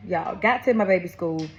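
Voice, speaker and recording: A woman's voice: fairly low pitch, dull audio. Woman telling a story to viewers. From Atlanta, USA. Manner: talks straight to viewers, calls them y'all and baby; animated storytelling with frequent restarts. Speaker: vlogger. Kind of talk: casual testimony storytelling.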